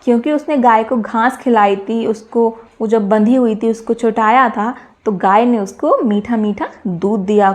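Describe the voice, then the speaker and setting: Woman teacher, children's story reading, fairly high voice, patient explaining. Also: darkish tone. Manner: retells each line in simpler words, asks listeners questions.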